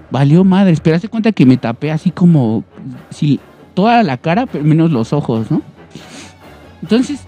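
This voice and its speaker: Young Mexican guy spinning a spooky tale for his friends, high and mellow. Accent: Mexican Spanish. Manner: animated, acts out voices and screams, heavy slang. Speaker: storyteller guest. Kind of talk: casual chat, telling a ghost story.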